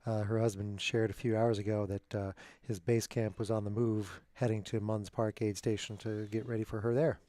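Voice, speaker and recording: A man co-commentating a race livestream who chimes in with brief remarks and reads shout-outs from the chat. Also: on the low side, level tone, normal speed, few pauses, dry recording. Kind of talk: casual live commentary.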